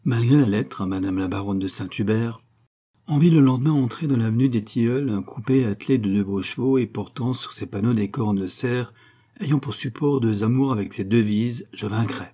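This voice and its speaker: A man reading a novel aloud as audiobook reader, in measured, even storytelling. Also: mid-range voice.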